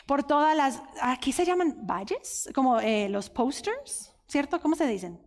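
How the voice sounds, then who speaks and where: A woman's voice: sits high, very animated, measured pace. A woman teaching the Bible at a women's conference, earnest and openly emotional, speaking straight to her listeners. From United States. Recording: reverberant hall.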